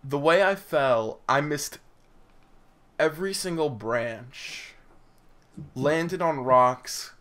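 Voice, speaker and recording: A man's voice: a little high, extremely slow, pauses often, a bit bright. A young man speaking earnestly with many fillers, hosting a casual chat. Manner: earnest, hesitant, lots of fillers. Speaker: host.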